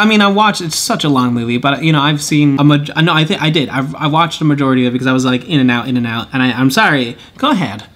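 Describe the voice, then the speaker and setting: A young man with a fairly high voice chatting through his monthly film reviews. He rambles, trips over his words and restarts, and his pitch leaps up and drops down for emphasis. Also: fairly bright tone. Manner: rambling, self-correcting, chuckles often. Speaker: vlogger reviewing films and shows. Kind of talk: casual monthly review chat.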